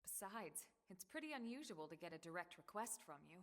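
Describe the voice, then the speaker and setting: A woman voicing a calm, composed female squad leader in a video game, with a cool, level and wry delivery. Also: fairly low pitch, fairly quick.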